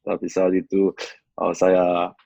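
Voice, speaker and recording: A man in his twenties with a Korean accent speaks in a low, even voice. He is a native Korean speaker who chats haltingly in his second language. The recording is dull and echoey. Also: vocal fry. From South Korea. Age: 20s. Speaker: guest. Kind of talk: casual discussion.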